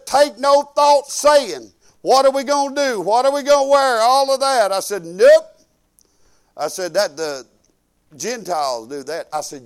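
Preaching in a loose, folksy way, this man in his fifties speaks with a Southern US accent and a voice that sits high. His talk mixes personal stories with prayer, punctuated by exclamations of praise, and he shifts forcefully between hushed asides and booming declarations.

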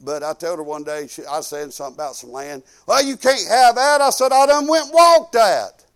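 A man in his fifties with a Southern US accent preaching informally, folksy and conversational, swinging emphatically between quiet asides and loud declarations. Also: high-pitched, lively intonation, brisk, smooth. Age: 50s. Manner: folksy and conversational, peppered with praise exclamations. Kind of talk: informal sermon with personal anecdotes and prayer.

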